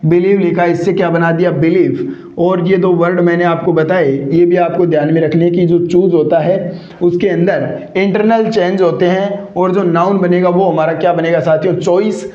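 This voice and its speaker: A man's voice: high voice, fairly even intonation, normal speed, warm tone. Man, teacher, lecture, quizzing himself aloud, echoey room, dull lo-fi recording. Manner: repeats rhetorical questions and answers them himself. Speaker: English teacher. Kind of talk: classroom lecture.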